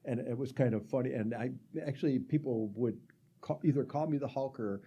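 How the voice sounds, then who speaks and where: A man's voice: mid-range voice, brisk, mellow, breathy edge. A man in his sixties from the Rochester area of New York, telling his life story as a guest in a casual, rambling way with many fillers. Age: 60s. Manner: chatty, rambling, frequent fillers and restarts.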